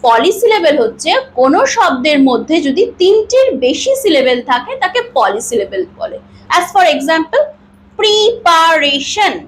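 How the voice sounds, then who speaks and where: A woman teaching an English grammar lesson, asking and answering her own questions and drawing out example words slowly syllable by syllable. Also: high voice, low-quality recording. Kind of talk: classroom-style grammar lesson.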